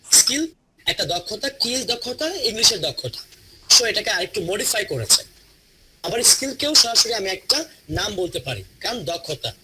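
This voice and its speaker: A man with a Bangladeshi Bengali accent teaching English pronunciation in a classroom, slowly drawing out model phrases for students to repeat. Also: high-pitched, noisy background. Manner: slow, drawn-out model phrases for repetition. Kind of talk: classroom lesson.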